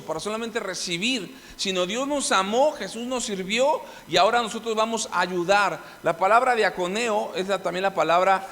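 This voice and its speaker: A man's voice: sits high, fairly bright tone, in a large hall. A middle-aged man preaching a sermon as pastor, emphatic, with frequent restarts and rhetorical questions to the congregation. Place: church hall.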